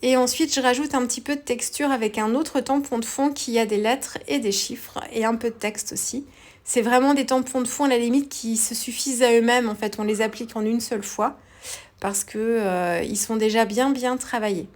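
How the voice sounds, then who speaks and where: A woman narrating a craft tutorial in a relaxed, hesitant way, with many fillers. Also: a little high, moderate pace.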